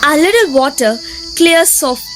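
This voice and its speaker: A woman's voice: high voice, expressive, a little slow, over music. A woman acting a scheming, controlling noble lady in an amateur stage drama. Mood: brisk, controlling.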